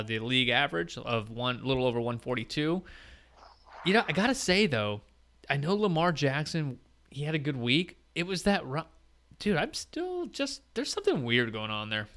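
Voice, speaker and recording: A man's voice: a little high, pushed and bright. A man hosting a casual sports chat about a fantasy league, talking informally. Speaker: host and league commissioner.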